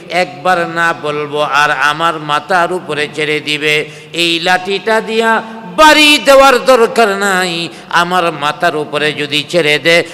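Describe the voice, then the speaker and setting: Impassioned preacher in a reverberant hall. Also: male voice. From Bangladesh. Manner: impassioned, swinging between loud cries and low, half-sung phrases. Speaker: Islamic preacher. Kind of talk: sermon, Quran commentary.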